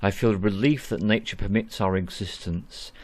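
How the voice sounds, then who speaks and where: A man narrating his spiritual experience in a slow, calm, earnest way from a small room at home. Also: lowish voice, dry recording. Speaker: spiritual vlogger.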